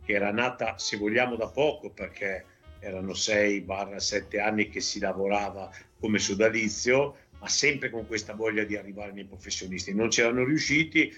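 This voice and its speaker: A man in his fifties from Veneto, a football coach answering interview questions in a measured way, with frequent hesitations and restarts. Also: on the low side, pushed and bright, breathy edge, muffled recording, faint music behind. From Veneto, Italy. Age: 50s.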